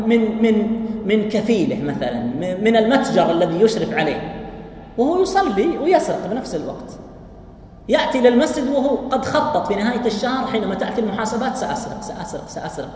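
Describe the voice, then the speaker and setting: A man giving a lively religious lecture, asking his listeners rhetorical questions and chuckling between points. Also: high-pitched, fast talker. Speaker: preacher. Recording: very echoey hall with faint hiss.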